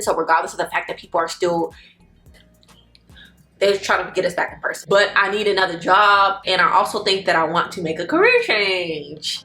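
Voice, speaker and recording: Chatty and playful, a Florida woman in her twenties talks to viewers as she gets ready, drawling slang and occasionally singing. Her medium-pitched voice is bright and forceful, heard in an echoey room with faint music.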